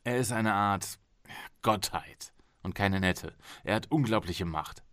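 A weary, defensive journalist answers with irritation in a storybook reading, as a male reader voices him. His voice is lower and close to the reader's own, with a lively pitch, in a dry room. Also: slow pace, no echo. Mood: irritated. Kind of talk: audiobook reading.

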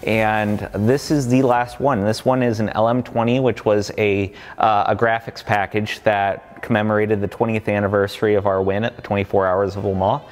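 A man's voice: lowish voice, little pitch movement, moderate pace, hardly any pauses. A man in his thirties giving an enthusiastic, fact-packed walkaround as a guide to a company collection, with lots of fillers. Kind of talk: casual walkaround explanation. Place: large underground parking garage. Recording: long garage reverb.

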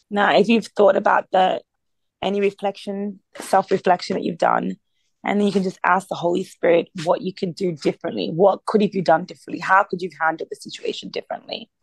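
A woman's voice: medium pitch, no room sound. Earnest woman leading a prayer line. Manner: earnest, conversational, with many fillers. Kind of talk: leading a prayer meeting with testimony.

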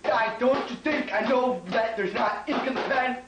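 Young man's teacher impression of a high-pitched, bossy coach. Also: normal speed. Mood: scolding, irritated. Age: young adult. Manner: barking, scolding, emphatic. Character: bossy, hot-tempered male high school basketball coach. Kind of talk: teacher impression, comedy skit. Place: home kitchen. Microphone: camcorder across the room. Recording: roomy, distant, hissy home camcorder.

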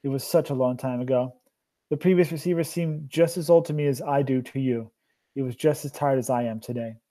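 A man voicing a tired old man who is a burdened mentor, speaking slowly and earnestly. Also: mid-range voice, steady tone, dark tone, lightly acted. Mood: weary.

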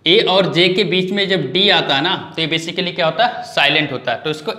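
A man's voice: a little high, a little fast, bright, forceful tone, roomy sound. A man teaching a grammar lesson in a classroom, mixing Hindi with English and asking questions that he answers himself.

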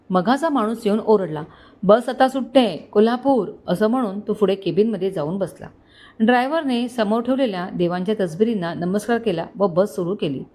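A woman's voice: mid-range voice, a little mellow. A woman with a Marathi accent narrating a love story, reading every character's lines in her own voice with small shifts. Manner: reads all characters in one voice with small shifts.

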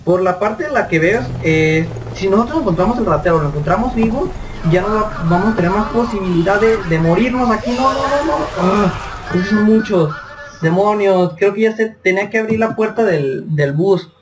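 A young Mexican man with a Mexican accent, joking through a zombie game commentary and panicking in quick "no, no, no" bursts. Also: sits high, animated, noisy background. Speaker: gameplay commentator. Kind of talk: let's play commentary. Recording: distant mic with loud game music. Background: game music.

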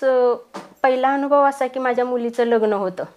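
A middle-aged woman telling a personal devotional testimony, plain storytelling with pauses and restarts. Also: high voice, steady tone, darkish tone, lo-fi sound.

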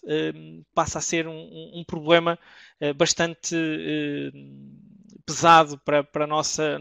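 European Portuguese man, middle-aged, gravelly, flat delivery, lots of hesitations, webinar presenter. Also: on the high side, no echo. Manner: hesitant, many filler sounds and restarts.

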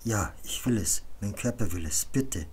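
A man reading an audiobook voices a bashful, hesitant young man who speaks softly. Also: lowish voice, animated, moderate pace, a little hiss or hum, lightly acted.

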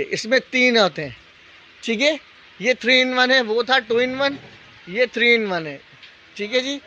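Male shop seller, Pakistani accent, high voice, off-the-cuff live pitch with repeated prices, dull phone audio. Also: bright, forceful tone, slight background noise. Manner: repeats prices and tag phrases like a street seller. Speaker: shop salesman hosting a live sale video. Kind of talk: live product sales pitch, casual and unscripted. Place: indoor appliance store, walking the aisles. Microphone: handheld phone.

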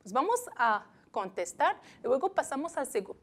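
A Spanish teacher from Morocco with a Moroccan accent, giving a recorded classroom lesson. She explains slowly, repeats her examples and asks the class questions. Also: sits high, sing-song, a bit bright.

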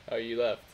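A young man streaming a game live, chatting casually and excitably with friends and shouting out his viewers. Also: muffled recording. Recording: faint background noise.

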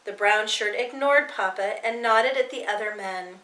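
A woman teacher reading a novel aloud to her students with expressive, dramatic storytelling. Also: medium pitch, moderate pace. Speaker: English teacher. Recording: echoey room.

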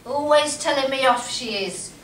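A woman's voice: high-pitched, normal speed, fairly bright tone. An older woman playing a confused, childlike, querulous elderly mother in a staged play reading. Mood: furtive, fretful. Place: small indoor stage. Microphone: far camera. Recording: echoey small theatre, distant mic, noisy.

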